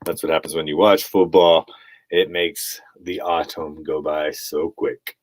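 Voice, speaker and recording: A man hosting a sports podcast talks in a very low, deep voice. He is blunt and opinionated, chuckling at his own takes. The sound is close and dry. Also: flat delivery, unhurried, no echo, poor audio. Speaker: podcast host. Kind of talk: casual sports commentary.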